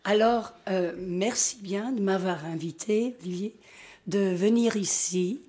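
An invited guest speaker, a Scottish woman whose first language is English, gives an informal talk in French with a Scottish accent. Her voice is warm and medium-pitched, and she speaks haltingly, often hunting for words in her second language.

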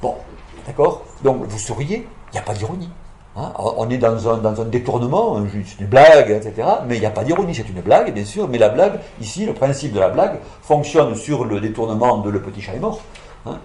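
A man's voice: mid-range voice, very animated, fairly quick, mellow, roomy sound, a little hiss or hum. A man giving an academic lecture, explaining patiently with many fillers and self-corrections.

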